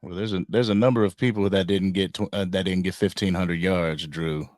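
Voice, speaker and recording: A man's voice: low voice, steady tone, fairly quick, darkish tone. A man co-hosting a sports chat who corrects people bluntly. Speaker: co-host.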